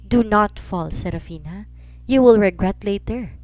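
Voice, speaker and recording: A woman's voice: mid-range voice, unhurried, close to an everyday voice, rough recording. Kael: a woman voicing a cold, grave young man. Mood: cold, serious. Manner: flat, grave delivery. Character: cold, serious young man with a dark edge.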